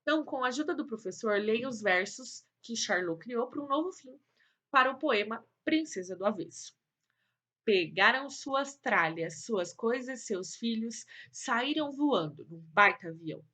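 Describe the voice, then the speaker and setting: A woman's voice: fairly high pitch, animated, bright, forceful tone. A Brazilian woman teaching young children in a recorded lesson, patient and coaxing, praising often. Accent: Brazilian Portuguese. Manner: slow, patient, coaxing, praises and uses diminutives. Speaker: primary school teacher.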